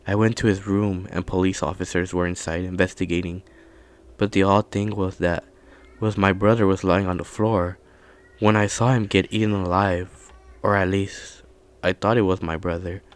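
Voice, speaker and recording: A man narrating a scary story in a calm, measured storytelling manner. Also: low voice. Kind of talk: scripted horror narration.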